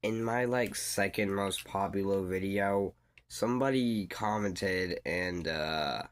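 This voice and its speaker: Young guy reading in disbelief, low-pitched. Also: a little hiss or hum. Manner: halting, rambling. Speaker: video creator reacting to messages. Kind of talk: casual reaction commentary.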